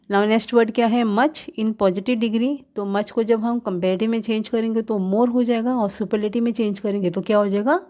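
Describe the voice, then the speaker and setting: A woman's voice: mid-range voice, warm tone. A woman teaching an English grammar lesson, explaining step by step, spelling words letter by letter and answering her own questions while mixing English and Hindi.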